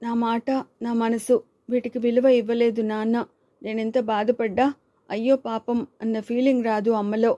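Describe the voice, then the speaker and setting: A woman's voice: a little high, flat delivery, moderate pace, warm tone, no echo, close to an everyday voice. A woman voicing Devika, a timid and tearful young woman in love, pleading and despairing in an audiobook reading.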